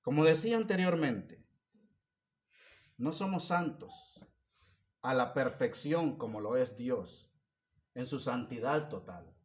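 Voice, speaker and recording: A man preaching a sermon, moving between loud emphatic stretches and soft hushed ones, asking the congregation repeated questions. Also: mid-range voice, expressive, takes it slowly, long pauses.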